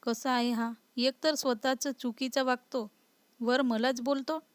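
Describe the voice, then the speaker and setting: A woman voicing an indignant young wife who is easily scared and quick to sulk. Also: high voice, fairly even intonation, clean tone, dry recording. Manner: indignant, sulky.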